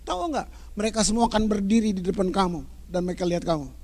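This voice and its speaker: Guy preaching, pretty high voice, punchy, repeats stuff, goes loud then quiet. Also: fast. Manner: lively, emphatic, shifts from loud to hushed; repeats words for emphasis. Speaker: pastor. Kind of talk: sermon.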